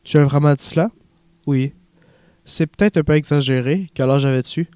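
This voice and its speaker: A man reading an audiobook, narrating and giving the older listener's lines in a calm, measured way. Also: a little high, clean tone, no room sound. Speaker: audiobook reader.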